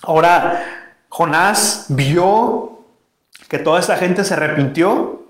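A man's voice: high-pitched, slow, reverberant. A man preaching a sermon as a pastor, talking conversationally and asking his congregation questions.

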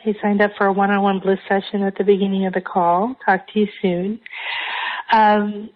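Through a narrow, phone-like line comes a woman with a medium-pitched voice. She speaks as a spiritual coach hosting a group call, guiding her listeners as in a meditation session. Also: level tone, moderate pace. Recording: thin, phone-like call audio.

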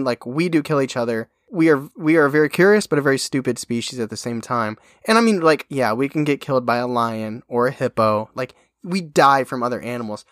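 A man's voice: medium pitch, fairly bright tone, no echo. Young male podcast host, casual rambling delivery, dry close sound. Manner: rambling, joking, self-correcting. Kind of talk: casual chat.

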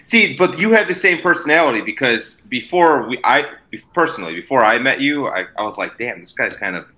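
A man's voice: medium pitch, animated, a little fast, pushed and bright, rough recording. A man co-hosting a podcast in casual chat, talking like a laid-back frat bro with slang and swearing. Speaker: podcast co-host.

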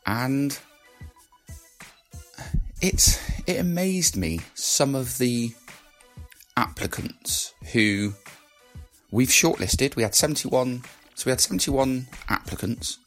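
A man with a croaky morning voice, talking casually and conversationally as a solo podcast host. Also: medium pitch, expressive, slow pace, long pauses, fairly bright tone, soft background music. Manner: conversational, rhetorical questions.

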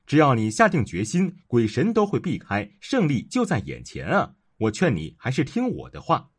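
A man voicing a cunning, scheming court official who talks persuasively and insinuatingly, in a husky voice. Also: medium pitch, huge pitch swings, normal speed, exaggerated voice.

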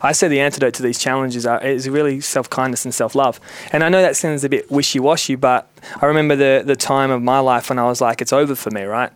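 A man's voice: medium pitch, fairly even intonation, quick pace, hardly any pauses, clean tone, no room sound. A man talking earnestly about self-love and kindness as a guest in a casual podcast chat. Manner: earnest motivational speaker.

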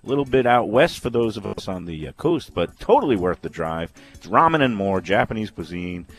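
A man with an American accent and a lowish voice talks on sports radio. His pitch swings widely as he rambles along with emphatic opinions. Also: very animated, brisk, faint music behind. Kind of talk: animated casual sports talk radio chat.

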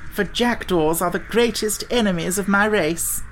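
A reader voicing a frightened insect gentleman who speaks in a sad, lofty tone. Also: medium pitch, normal speed, soft background music, pitched above the performer's own voice, natural voice, low-quality recording. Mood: fearful.

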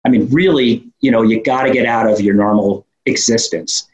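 A man's voice: fairly low pitch, moderate pace. A man with a New York accent giving informal, explanatory answers in a conversational interview. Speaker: guest business owner. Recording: echoey room sound.

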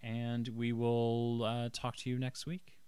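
A man hosting a podcast in a casual, hesitant way, often pausing as he finds his words. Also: medium pitch, completely flat delivery, darkish tone, smooth, dry recording. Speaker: podcast host.

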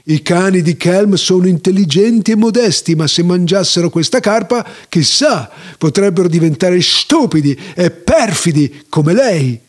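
A man's voice: high-pitched, lively intonation, normal speed, few pauses. A man voicing a pompous, self-important elder who is the nearsighted chief sage of his village, deliberating aloud in a grand way.

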